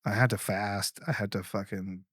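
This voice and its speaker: A podcast host chats casually, rambling, restarting often and swearing freely. His voice is on the low side and fairly bright, with fairly even intonation and a normal pace, captured in a dry, clean studio recording.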